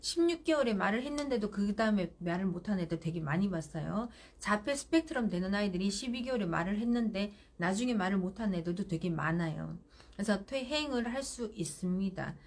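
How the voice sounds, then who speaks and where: A middle-aged woman hosting live parenting advice, speaking firmly and directly and acting out parent-child exchanges. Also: medium pitch. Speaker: parenting counselor.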